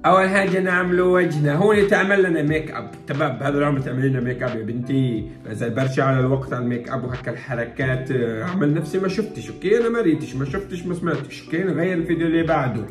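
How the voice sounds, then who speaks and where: Playful guy doing reaction commentary, quick talker, echoey room, music playing behind. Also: fairly high pitch. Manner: playful, teasing, laughs often. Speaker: video reaction host. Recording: roomy sound with background music.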